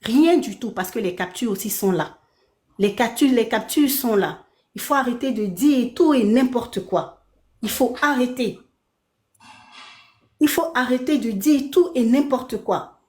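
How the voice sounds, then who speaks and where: A woman's voice: on the high side, expressive, measured pace, long pauses, darkish tone, roomy sound. A woman from Belgium on a heated live stream, speaking from her apartment, indignant and repeating her points.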